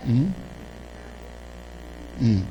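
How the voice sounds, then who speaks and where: A man's voice: extremely slow, lo-fi sound. A man giving a spiritist lecture to an audience, conversational and full of questions to the listeners and tag "né?". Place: lecture hall of a spiritist center. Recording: faint hum behind the talk.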